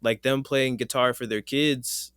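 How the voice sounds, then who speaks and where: A laid-back man hosts a casual podcast conversation, speaking in an easygoing, slangy way and laughing often. His voice sits at an average pitch for a man. The sound is close and dry, with no room around it. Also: fairly even intonation, measured pace, fairly bright tone, clean tone, dry recording. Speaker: podcast host. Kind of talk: casual chat.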